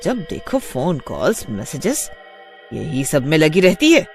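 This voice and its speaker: A man voicing a harsh, bossy witch daughter-in-law in a kids' storybook, shouting scornful threats. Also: on the high side, huge pitch swings, a little slow, soft background music, full character voice. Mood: bossy, threatening. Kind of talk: storybook voice acting.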